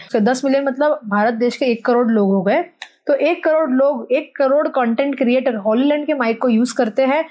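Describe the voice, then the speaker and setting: High-voiced young woman reviewing a mic. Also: warm tone. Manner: chatty, explanatory, mixes English phrases into Hindi. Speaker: content creator reviewing a microphone. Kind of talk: casual product review vlog. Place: indoor room with fan and AC running. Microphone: wireless lapel mic.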